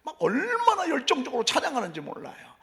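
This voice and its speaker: A middle-aged male pastor preaching a conversational dawn sermon in a church, asking the congregation questions and dropping from loud emphasis to near whisper. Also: extremely high pitch, huge pitch swings, fast. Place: church sanctuary.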